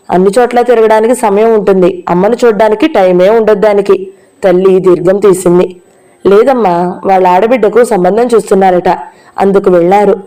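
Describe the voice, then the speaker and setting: A woman's voice: mid-range voice, mellow, rough recording. A woman narrating a novel as an audiobook, reading all the dialogue in her own voice. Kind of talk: reading a novel aloud, voicing all characters.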